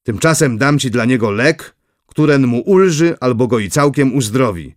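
A fatherly old prince from a storybook, kindly and gently teasing, speaking slowly and with measured calm, as a male narrator plays him. His voice sits at a middle pitch. The recording is close and dry. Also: no room sound, natural voice. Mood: benevolent.

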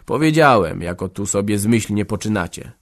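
A man reading aloud who voices a weary old man, speaking gently, soothingly and a little evasively. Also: lowish voice, expressive, normal speed. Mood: reassuring.

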